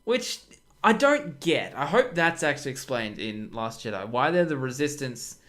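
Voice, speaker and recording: A man's voice: medium pitch, big pitch swings, moderate pace, a bit bright. A man co-hosting a casual gaming podcast, blunt and skeptical, swearing casually. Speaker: podcast co-host. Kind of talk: casual chat.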